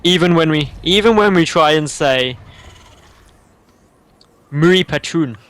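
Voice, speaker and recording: A man's voice: a little high, lively intonation, moderate pace, fairly bright tone. A man casting a video game match, teasing his partner and explaining each player's build. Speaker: esports caster. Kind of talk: casual game commentary.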